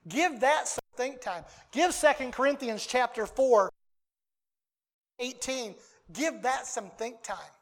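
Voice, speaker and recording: This preacher reads scripture passages with emphasis during a sermon, taking his time at an ordinary middle pitch. Repetition shapes his delivery, as he returns again and again to the same phrases to press his points.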